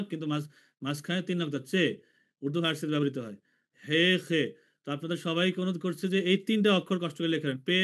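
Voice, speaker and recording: A man from Bangladesh teaching an online language class, slowly repeating each letter for his students. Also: on the high side, fairly bright tone. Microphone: video call.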